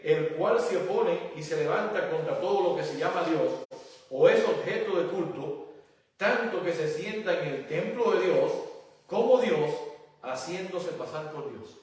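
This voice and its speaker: A man's voice: a little high, darkish tone. A male pastor preaching a sermon, reading scripture aloud and then explaining it with rhetorical questions. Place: church. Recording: very echoey church hall, voice from a distance.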